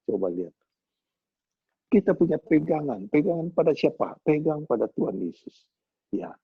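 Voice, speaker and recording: A middle-aged man giving a Bible study talk, telling homely stories in a folksy, animated way with sound effects. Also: fairly high pitch, normal speed, vocal fry, husky, dry recording. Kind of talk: sermon with storytelling. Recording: tinny phone-like sound.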